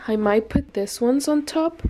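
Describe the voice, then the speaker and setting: A woman's voice: high-pitched, measured pace, dark tone, a little hiss or hum. Young woman, casual vlogger, chatty, filler-heavy, showing things around a room. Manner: chatty, explaining items one by one with fillers. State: pregnant, briefly out of breath. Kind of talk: casual home tour vlog. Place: home nursery room.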